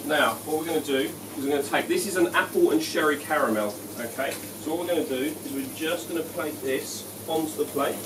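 Chef explaining a dish in a noisy kitchen. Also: male voice, a little high, brisk, hardly any pauses. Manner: relaxed, explanatory, frequent "um" and "okay". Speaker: head chef. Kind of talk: cooking demonstration. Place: large restaurant kitchen. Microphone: camera mic from a few feet away. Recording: echoey kitchen, distant mic, loud kitchen noise. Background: sizzling pans and kitchen clatter.

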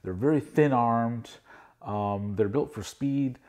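A man's voice: medium pitch, slow pace, darkish tone. A man in his thirties in a product review vlog, talking eagerly in a casual hobbyist way with many fillers. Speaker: drone reviewer. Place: indoor studio against a plain backdrop.

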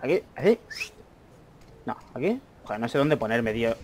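A young man commentating his own gameplay, chatty, with excited outbursts and muttered asides. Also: medium pitch, normal speed. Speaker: gaming YouTuber. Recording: faint noise, mouse and keyboard clicks.

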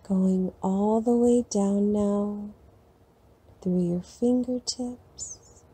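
Woman doing a sleep meditation, super slow, dark mellow voice, soothing. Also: mid-range voice, fairly even intonation, slightly rough. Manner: slow, soft and soothing, long pauses. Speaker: meditation guide.

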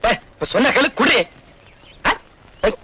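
A man's voice: extremely high pitch, expressive, measured pace, sharp tone, slight background noise, exaggerated voice. An actor playing a vengeful man with a Tamil accent who taunts and threatens. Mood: stern. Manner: taunting, menacing. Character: vengeful, menacing young man. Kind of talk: Tamil film dialogue. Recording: film soundtrack with music.

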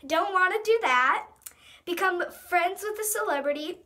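A young girl of about ten with a high voice talks casually in a small room at home. She is dramatic and self-mocking, switching between reading aloud and chatty asides into a device at arm's length. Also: expressive, moderate pace, sharp tone. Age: child, ten years old. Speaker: young vlogger. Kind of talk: casual chat, reading aloud from old diary.

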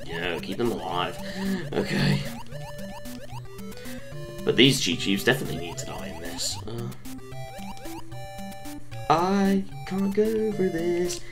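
A woman giving casual, rambling gameplay commentary, easily frustrated and crying out at every setback. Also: rumbling low. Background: game music.

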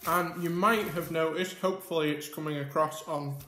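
A man's voice: fairly high pitch, steady tone, normal speed, sharp tone, roomy sound, slight background noise. A man hosting a casual mukbang vlog, chatting and rambling with many ums as he eats at a table. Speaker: YouTube host. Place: indoor room at a table. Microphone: camera mic with face cam and top camera.

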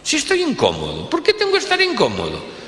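A man's voice: very high voice, huge pitch swings, fast talker, a bit bright, pitched above the performer's own voice, heavily acted. A man voicing a wealthy, demanding Spanish businessman who speaks in an indignant, exclaiming way. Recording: echoey hall from a stage.

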